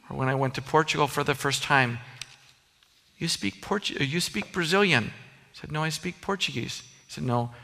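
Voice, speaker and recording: With a Minnesota accent and a gravelly edge, a pastor delivers his sermon in an earnest, conversational manner. His voice is bright, forward, and a little high for a man, and long reverb trails behind what he says.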